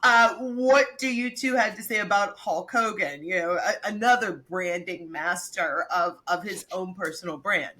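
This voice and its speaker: A woman's voice: mid-range voice, a little slow, hardly any pauses, pushed and bright. A woman hosting a podcast who steers the topics in chatty, laughing casual conversation. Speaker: podcast host. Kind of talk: casual chat.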